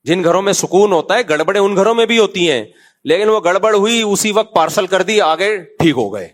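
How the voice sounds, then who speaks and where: A man preaching in a Pakistani Urdu accent, his voice sitting a little higher than most men's. He talks in a loose, conversational way, mixing anecdotes with gentle scolding. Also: lively intonation. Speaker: mufti giving a religious talk. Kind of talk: informal sermon.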